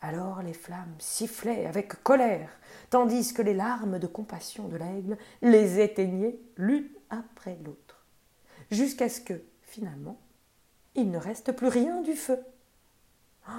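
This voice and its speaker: A woman storyteller reading a children's story aloud in a gentle, expressive way. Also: mid-range voice, unhurried.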